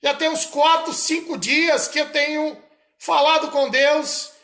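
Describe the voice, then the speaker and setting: A man from Brazil with a Brazilian Portuguese accent, preaching slowly and emphatically about a vision, repeating his phrases. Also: extremely high pitch, fairly even intonation, a bit bright, echoey room. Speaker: missionary preacher. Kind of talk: sermon recounting a vision.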